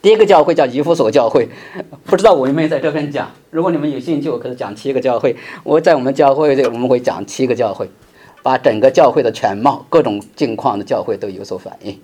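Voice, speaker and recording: A middle-aged male pastor preaching a sermon, swinging between loud emphasis and soft, hushed asides. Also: mid-range voice, fast talker, breathy edge.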